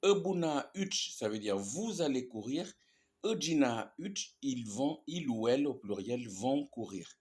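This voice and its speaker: A man's voice: mid-range voice, animated, measured pace, darkish tone. A man teaching a language lesson, explaining grammar patiently and repeating each example with frequent "ok?" checks.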